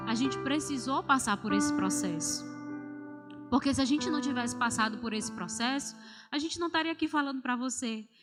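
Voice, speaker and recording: A woman tells her personal testimony to a church congregation. She speaks in an animated, confiding way and talks straight to the listeners. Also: a little high. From Brazil. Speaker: church member giving testimony. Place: large church sanctuary during a service. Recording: long church reverb, music underneath. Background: instrumental worship music.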